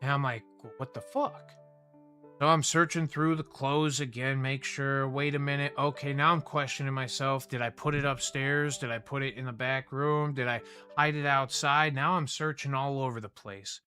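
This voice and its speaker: A man's voice: medium pitch, steady tone, moderate pace, bright, forceful tone, soft background music. Swearing man telling a story on a stream. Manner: rambling, swears freely, addresses viewers by name. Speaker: livestream host. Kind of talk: casual storytelling to chat.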